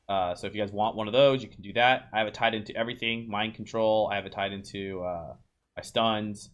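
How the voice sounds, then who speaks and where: A man's voice: on the low side, steady tone, a little fast. A man giving a casual voice-over tutorial for a video game, talking loosely to his viewers with plenty of ums, uhs and restarts. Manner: loose and chatty, many ums and restarts, talks to viewers as "you guys". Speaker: game guide creator and streamer.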